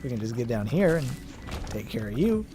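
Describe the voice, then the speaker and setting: A man's voice: medium pitch, very animated, a little fast, over music. A man casually commenting on his own gameplay as a let's play host, rambling with self-deprecating asides.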